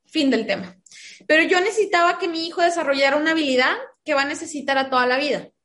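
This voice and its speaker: A woman with a high voice speaks as a guest in an interview, talking as a mother. She explains her views through lively anecdotes and often acts out the dialogue in them. Her delivery is conversational and animated. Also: fast talker. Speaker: guest, a mother of school-age children.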